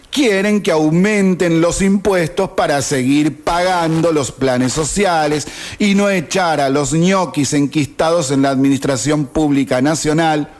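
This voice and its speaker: A radio host in his fifties with an Argentine Spanish accent reads a sarcastic opinion editorial in a radio studio. His voice sits on the high side and is a little mellow.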